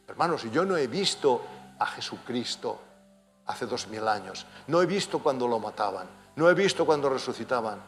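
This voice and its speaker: Man, gravelly voice, preacher, quiet then emphatic, church hall reverb. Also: mid-range voice. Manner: swings from quiet explaining to loud emphatic bursts. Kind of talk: sermon.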